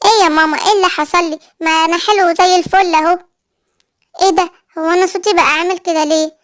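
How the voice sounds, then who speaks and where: Tiny monkey boy, a woman voicing him, Egyptian accent, very high voice, rapid, squeaky, worried, cartoon story. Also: steady tone. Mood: puzzled. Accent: Egyptian Arabic. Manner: squeaky childlike voice.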